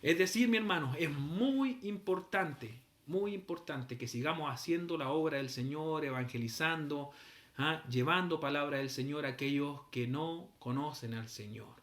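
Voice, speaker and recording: A man's voice: fairly high pitch, moderate pace, fairly bright tone, roomy sound. A middle-aged man, telling a story in a sermon, acting out voices and sounds as he goes. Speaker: preacher.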